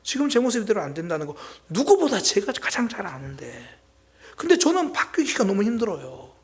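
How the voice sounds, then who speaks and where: Pastor preaching, gravelly and dramatic. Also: male voice, high voice, sing-song, brisk. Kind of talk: sermon. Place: church sanctuary.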